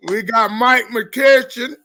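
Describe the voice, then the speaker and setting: A man hosts a live call-in podcast in a relaxed, easygoing way. His voice sits high and bright, and he talks slowly and says his phrases twice. The sound comes through a video call. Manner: slow, repeats phrases. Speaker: podcast host. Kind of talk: casual live-stream chat.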